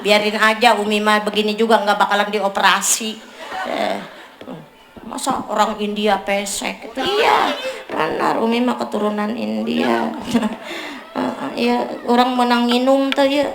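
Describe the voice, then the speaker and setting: High-voiced joking woman preacher. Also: moderate pace, creaky. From Tangerang, Indonesia. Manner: joking, teasing and bantering with the audience. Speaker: female Islamic preacher. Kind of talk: humorous religious sermon at a community celebration. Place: neighborhood religious gathering. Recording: echoey, noisy sound-system recording.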